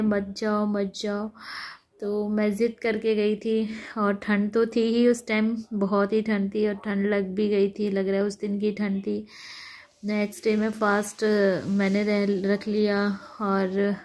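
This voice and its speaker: Unwell woman vlogger, soft weary chat, flat monotone delivery. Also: on the high side. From India. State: sick, recovering from fever. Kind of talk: casual vlog chat. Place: lying in bed at home under a blanket.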